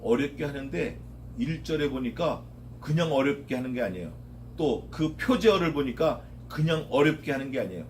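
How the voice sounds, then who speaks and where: Man preaching a sermon, pushes hard on repeated lines, kinda high voice. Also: a little hiss or hum. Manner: emphatic, repeats key phrases, rises when voicing prayers. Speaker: pastor.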